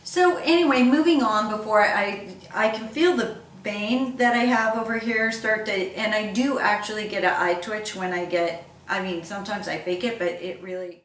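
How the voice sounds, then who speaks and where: A woman's voice: medium pitch, normal speed. Chatty woman cooking host in an echoey room. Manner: chatty, rambling, playful, theatrical exclamations. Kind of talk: casual recipe demonstration to viewers. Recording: echoey room, distant mic, background noise.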